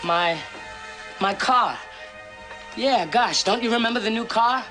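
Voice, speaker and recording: A man's voice: high-pitched, unhurried, music in the background. A streetwise man in a film. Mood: coaxing. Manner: blunt, urgent, slangy. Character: rough, streetwise male tenant, pushy but able to coax.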